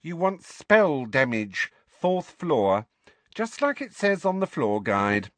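A man's voice: a little high, sing-song, slow, a bit bright, dry recording, pitched above the performer's own voice, heavily acted. Man doing a curt bored witch receptionist. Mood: irritable. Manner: curt, dismissive, snapping.

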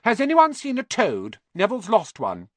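Storybook know-it-all schoolgirl, male narrator: high, bossy, eager, very animated, breathless rapid delivery. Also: no echo, exaggerated voice. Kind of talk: children's audiobook character voice.

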